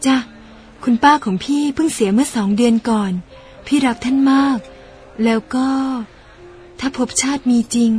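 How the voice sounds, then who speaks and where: Woman acting calm woman doctor, high voice, measured, gentle reasoning, audio drama, faint music behind. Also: lightly acted. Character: calm thoughtful adult woman doctor, older-sister type. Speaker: doctor character.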